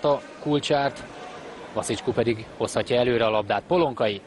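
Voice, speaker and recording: A man giving live football commentary as a match commentator. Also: mid-range voice. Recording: clear background noise, outdoor ambience.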